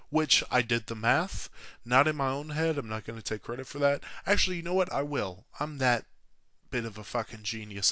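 A man reads a sports history story from a script, adding jokey asides with a sarcastic, self-mocking attitude and frequent swearing. His voice is medium-pitched and sharp in a dry recording.

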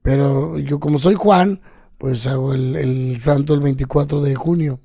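Mexican man, gravelly low-toned voice. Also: steady tone, a little slow, mellow, dry recording, clean studio sound. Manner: crude slangy storytelling, swearing. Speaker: comedian guest. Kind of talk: casual interview chat.

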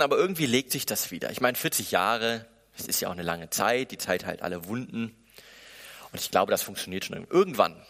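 A man's voice: mid-range voice, a bit bright. A male preacher delivering a sermon, talking to his listeners plainly and conversationally. He often acts out the inner thoughts of the people in his story. His voice carries a long reverb from a large hall.

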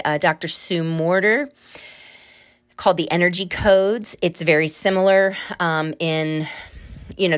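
A woman with a fairly low voice hosts a solo podcast about spiritual healing. She talks in a loose, chatty way, earnest and encouraging. She pokes fun at herself now and then. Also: fairly bright tone. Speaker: podcast host and Reiki healer. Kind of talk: casual solo podcast monologue.

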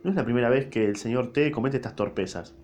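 A man's voice: mid-range voice, fast talker, a little mellow, a little hiss or hum, lightly acted. A man voicing an irritable, haughty male Martian who speaks sarcastically. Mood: indignant. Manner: sarcastic, indignant, slangy.

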